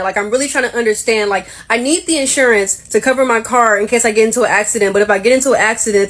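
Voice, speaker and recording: A woman with a high voice rants in a casual, exasperated way. She swears freely and keeps circling back to her complaint. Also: a bit bright. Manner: exasperated, ranting, profane. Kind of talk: casual rant to camera.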